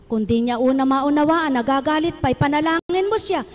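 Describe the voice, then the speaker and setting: A woman's voice: high-pitched, brisk, long reverb tail. A woman from the Philippines preaching a sermon, rousing her congregation with repeated questions.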